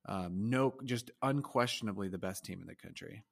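A man with a low voice co-hosts a relaxed sports podcast. He reads off records and results in a dry, matter-of-fact way, dropping in deadpan jokes. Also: normal speed, creaky, husky. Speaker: co-host. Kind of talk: casual sports chat.

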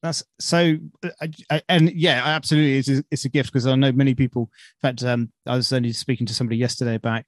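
A man's voice: mid-range voice, fairly even intonation, fast talker, no room sound. A British man hosting a podcast in an informal, enthusiastic, chatty way. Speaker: podcast host. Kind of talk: casual chat.

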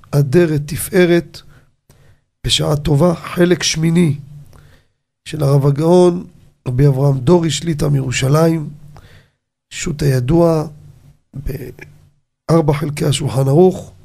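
Animated, gravelly-voiced rabbi on the radio. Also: male voice, a little high. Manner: animated, asks rhetorical questions, tells anecdotes. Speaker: rabbi teaching on a radio show.

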